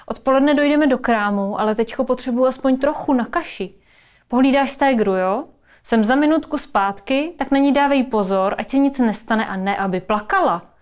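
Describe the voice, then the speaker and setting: Lady putting on a frazzled mom, higher and louder than her own voice, tense and nagging. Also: close to an everyday voice. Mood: hurried. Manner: anxious, reproachful. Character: worried scolding young mother.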